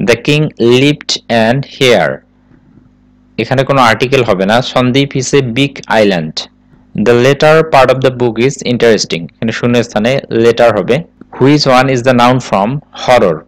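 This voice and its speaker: A man with a Bangladeshi accent reads out exam questions and their answers one by one, at a very slow and deliberate pace. His voice sits at an ordinary middle pitch. It is recorded close and dry, with no room sound. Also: dry recording, poor audio. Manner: slow, steady question-and-answer recitation mixing Bengali explanations. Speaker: exam tutor. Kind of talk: reading quiz answers aloud.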